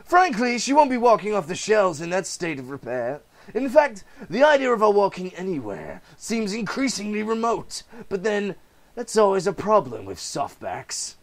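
A man's voice: sits high, very animated, normal speed, pitched above the performer's own voice. A man voicing a cruelly jovial, theatrical clown supervillain in a mocking, showy way for a comic-book reading. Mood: gleeful, mocking. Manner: mocking, showy, mock-polite.

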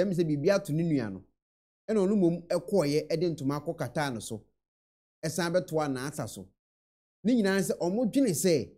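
A man's voice: fairly high pitch, mellow. A young Ghanaian man in a small room, earnestly commenting on a video into a webcam and mixing in English words. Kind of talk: reaction commentary.

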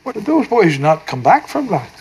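An older man with a Northern Irish accent playing a gentle, wise, teasing grandfather in a film drama, soft-spoken and wry. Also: high-pitched, big pitch swings, normal speed, husky, full character voice, low-quality recording.

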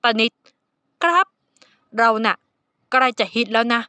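Woman reading as a calm, gentle grown man. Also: on the high side, measured pace, clear, resonant tone, dry recording. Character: calm reserved adult male alpha partner.

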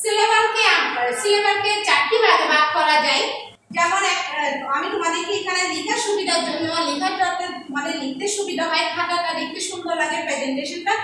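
A woman teaching an online English class to young pupils in Bengali, repeating each definition slowly so they can write it down. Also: very high voice. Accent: Bangladeshi Bengali. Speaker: primary school English teacher. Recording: echoey room, mic at a distance, faint background noise.

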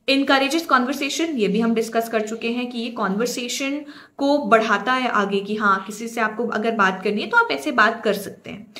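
A woman teaching a grammar lesson in Hindi, reading example sentences slowly and explaining them. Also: a little high, fairly bright tone. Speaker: English teacher.

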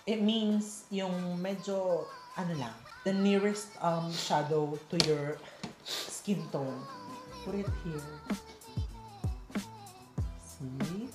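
A man's voice: high-pitched, slow pace. Tipsy Filipino man, makeup artist host, Filipino accent, casual Taglish tutorial delivery, roomy echo. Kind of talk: casual makeup tutorial, mixing English and Tagalog. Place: small indoor room, seated at a table. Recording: echoey room with music behind.

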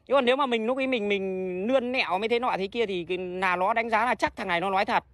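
A man's voice: sits high, quick pace, fairly bright tone, dry recording. A man hosting a casual livestream, talking bluntly and rambling with restarts and frequent swearing. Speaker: livestream host selling plants.

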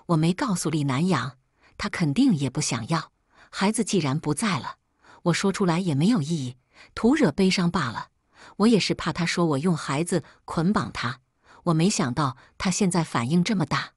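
A woman telling a first-person story in calm, steady scripted narration. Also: low voice, normal speed, slightly rough, dry recording, clean studio sound.

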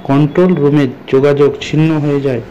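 A man hosting a video channel, narrating a scripted explainer in a steady, informative way. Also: fairly high pitch, quick pace, lo-fi sound, noisy background. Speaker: channel host explaining a mystery.

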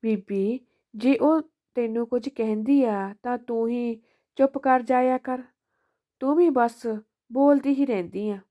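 A woman's voice: fairly high pitch, measured pace, dull audio, natural voice. A woman voicing a grown son who is short-tempered and scolds his mother, in a storybook reading. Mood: curt.

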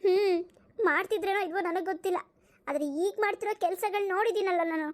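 A protective, worried mother in a cartoon, voiced by a woman pleads and gently scolds. Her voice is very high and quick. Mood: pleading.

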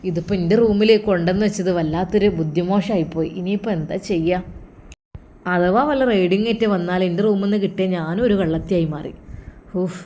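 A woman's voice: on the low side, fast, mellow, a little hiss or hum, close to an everyday voice. A woman voicing a scheming young daughter-in-law who mutters anxiously to herself in a Malappuram Malayalam accent.

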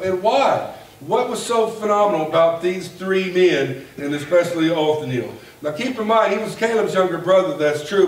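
A man in his forties preaching a sermon from a pulpit in a folksy, animated way that builds to a shout. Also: fairly high pitch. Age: 40s. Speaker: pastor. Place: church sanctuary, at a pulpit. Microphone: far camera at the back of the room. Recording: echoey church from far off, faint hiss.

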